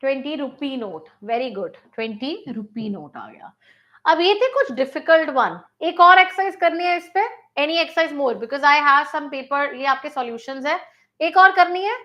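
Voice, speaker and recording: A woman with an Indian English accent teaching a live online grammar class, mixing Hindi and English, reading each sentence slowly, then explaining quickly. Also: high-pitched, expressive, pushed and bright, poor audio.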